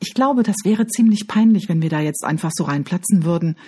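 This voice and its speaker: A sensible boy from a children's story who grows annoyed with his friends, as a woman reader plays him. He talks in a critical grumble, with a husky low tone. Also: expressive, a little fast, dark tone.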